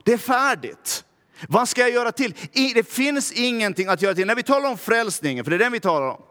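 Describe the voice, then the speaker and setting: A man's voice: very high voice, animated, pushed and bright, long reverb tail. A man from Närpes with a Finland-Swedish accent, a pastor giving a conversational sermon and often asking his listeners "va?". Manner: conversational preaching, often asks "va?". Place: church.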